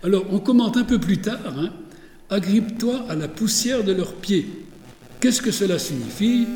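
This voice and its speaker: Man lecturing, high voice, fillers and restarts, echoey hall with long reverb. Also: mellow. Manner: digressive, many fillers and restarts.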